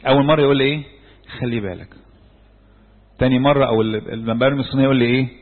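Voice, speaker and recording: Fast husky Egyptian man preaching in hall. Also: medium pitch, fairly even intonation. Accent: Egyptian Arabic. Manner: questions the listeners and answers himself, with tray example. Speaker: church speaker. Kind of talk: sermon-style talk to a group. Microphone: handheld microphone. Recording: echoey hall on a tinny phone-like recording.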